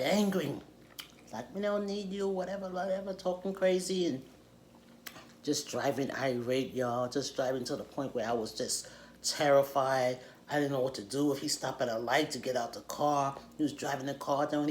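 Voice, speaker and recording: Low-voiced woman telling a casual story, noisy recording. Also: a little mellow. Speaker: storytime vlogger. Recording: clear background noise.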